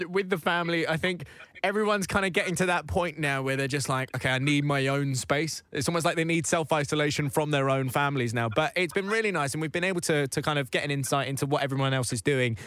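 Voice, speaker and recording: A man's voice: a little high, fast talker, fairly bright tone, no room sound. A man hosting a radio show, telling a story animatedly and often repeating words. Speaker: radio host. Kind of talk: casual radio chat.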